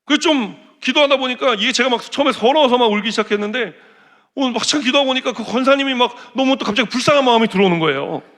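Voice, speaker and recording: A middle-aged male pastor giving a sermon, telling a personal story in an animated way and acting out his prayers and other people's words. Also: extremely high pitch, fast talker. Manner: animated storytelling, acts out prayers and quoted voices. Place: church.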